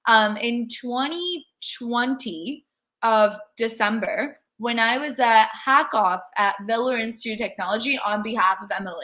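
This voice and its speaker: A woman's voice: on the high side, bright, forceful tone. A young woman from India whose first language is Telugu, hosting a livestream workshop in a chatty, upbeat way and reading the chat aloud.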